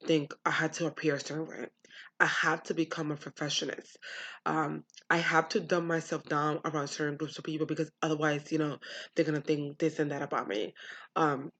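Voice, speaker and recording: Her voice sits low with a bit of brightness as this young American woman vlogs to camera. She's blunt and candid about her upbringing, cursing freely throughout the personal monologue.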